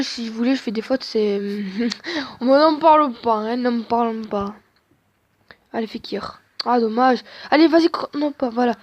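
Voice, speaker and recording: A woman's voice: on the high side, a little mellow, dry recording. A woman commenting on her own football video game, chatting casually and cheering her players on play by play. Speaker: gamer.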